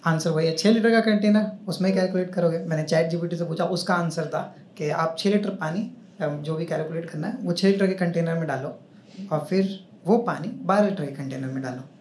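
A young man with a fairly high, slightly mellow voice talks fairly quickly as he does a stand-up set on a club stage, chatting with and teasing the crowd. He uses a handheld mic on a stand, and the live club recording sounds roomy, with crowd noise and audience laughter behind him.

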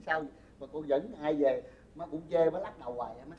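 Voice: medium pitch, natural voice. A performer playing a cheeky grown son, Southern Vietnamese. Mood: teasing. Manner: teasing, quick back-talk. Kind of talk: stage comedy sketch. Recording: muffled old stage recording, faint music.

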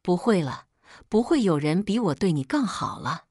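A woman's voice: on the low side, very animated, normal speed, darkish tone, no echo, clean studio sound. A woman voicing a remorseful young husband who begs urgently not to divorce. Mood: pleading. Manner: urgent, pleading.

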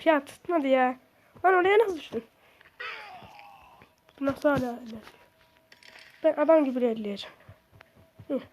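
Young woman streamer, high voice, excitable game commentary with swearing and shrieks. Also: moderate pace, pauses often, slight background noise. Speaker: gaming streamer.

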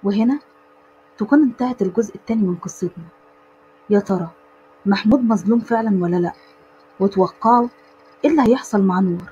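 Fast-talking Egyptian woman narrator. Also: medium pitch, dull audio, a little hiss or hum. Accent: Egyptian Arabic. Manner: lively, addresses viewers. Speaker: storyteller. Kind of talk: narrating an animated story.

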